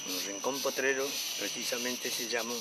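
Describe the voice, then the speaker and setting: A man's voice: medium pitch, normal speed, very noisy. A man, a local resident who explains assertively and keeps checking with his listeners. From Argentina. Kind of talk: documentary interview.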